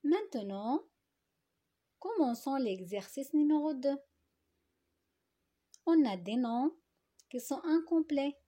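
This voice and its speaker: Female teacher, slightly high, mellow tone, extremely slow and deliberate; drills words syllable by syllable for young pupils. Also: animated. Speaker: primary school teacher. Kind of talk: slow phonics lesson for young children.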